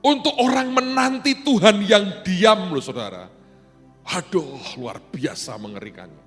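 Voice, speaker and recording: A middle-aged man preaching a sermon, animated and swinging from loud exclaiming to hushed asides. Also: sits high, measured pace. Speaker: pastor. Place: church hall. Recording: long hall reverb with faint music behind.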